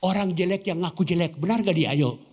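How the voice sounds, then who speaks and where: A man's voice: high-pitched, quick pace, a little mellow. A man from Ambon, Indonesia preaching a sermon as pastor, asking the congregation questions and acting out quoted dialogue. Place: church.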